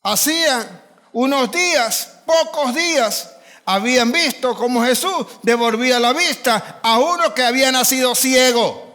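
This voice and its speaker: A man's voice: extremely high pitch, expressive, unhurried, bright, forceful tone, big-room sound. A man preaching a sermon as pastor, driving his points home with repetition and rising emphasis.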